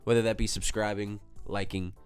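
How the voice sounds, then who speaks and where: Over faint background music, a gaming video host with a cold-blocked nose speculates solo to camera into a desk microphone, rambling with self-mocking jokes along the way. His voice is on the low side, level and smooth, at a moderate pace.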